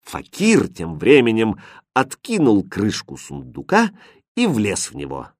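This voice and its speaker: Male narrator, fairy-tale reading, lively intonation, dry close sound. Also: fairly low pitch, creaky, no room sound. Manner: expressive, measured.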